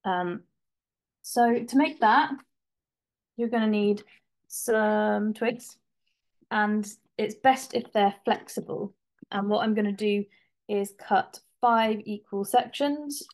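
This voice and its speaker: Woman presenter, mid-pitched, casual and chatty, speaking over a laptop mic at home for a webinar. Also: steady tone, takes it slowly, pauses often, darkish tone. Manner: chatty, informal, with fillers and restarts. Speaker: craft presenter. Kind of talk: live webinar demonstration.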